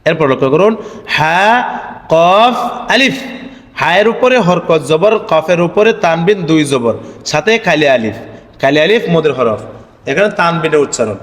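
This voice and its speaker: A man teaching Arabic letter spelling for Quran reading, drilling the syllables slowly in a singsong chant and asking questions that he answers himself. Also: on the high side, expressive, fairly bright tone. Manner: asks the viewers questions and answers them himself. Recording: echoey room with long reverb.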